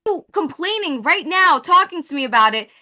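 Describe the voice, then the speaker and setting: Her voice is very high and bright, swinging widely in pitch at a moderate pace with forceful delivery. She's a debate guest in her thirties, fed up and combative online, cursing and cutting across the man she's arguing with.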